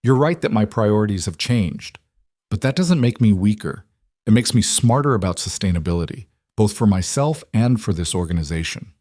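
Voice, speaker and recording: A man's voice: lowish voice, animated, moderate pace, a little mellow, no echo, clean studio sound. A man voicing a composed female CEO and young mother in a storybook narration, firm and persuasive.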